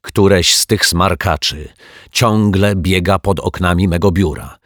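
A man's voice: deep voice, a little slow, fairly bright tone, dry recording, studio quality. A man reading an audiobook, voicing a surly, bullying middle-aged male detective who growls and snaps at people. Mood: grumbling. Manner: growling, rude. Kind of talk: audiobook character voice.

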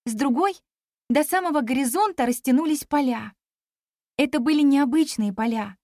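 A woman narrating a children's story in an even, expressive reading voice. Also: high-pitched, moderate pace, no room sound, studio quality. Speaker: audiobook narrator.

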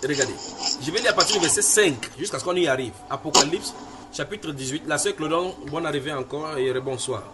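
A man's voice: on the high side, a little fast, very noisy. A man preaching a Bible sermon, emphatic, repeating phrases and putting questions to his listeners. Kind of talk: sermon teaching with Bible reading.

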